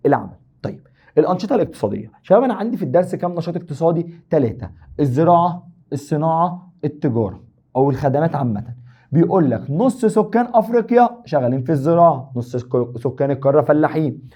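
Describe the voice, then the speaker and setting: A man's voice: fairly high pitch, big pitch swings, very fast, warm tone, slightly rough. A man with an Egyptian Arabic accent teaching an exam review lesson, joking and teasing his students as he explains.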